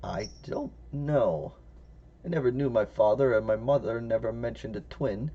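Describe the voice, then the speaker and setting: A man voicing a polite young man hero who speaks in a measured, courteous way. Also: mid-range voice, muffled recording, voice pushed down, close to an everyday voice. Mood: calm.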